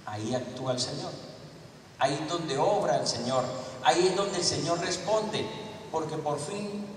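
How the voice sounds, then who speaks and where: A man's voice: a little high, normal speed, a little hiss or hum. A man preaching a sermon in church, emphatic and throwing rhetorical questions to the congregation. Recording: echoey hall, distant mic.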